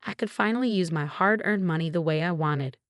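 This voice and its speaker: A woman narrating a first-person story in a calm, even, scripted way. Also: on the low side, a little fast, dry recording, clean studio sound.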